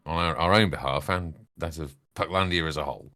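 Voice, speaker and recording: A man's voice: very deep voice, fairly quick, sharp tone. A man speaking as a player in a tabletop role-playing game, wry and wordy, with old-fashioned turns of phrase. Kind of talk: in-character tabletop game chat.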